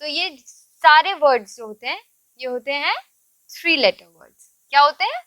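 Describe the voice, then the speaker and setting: A woman teaching English words to children, patiently repeating and spelling each word slowly. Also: sits high, expressive, bright, forceful tone, dry recording.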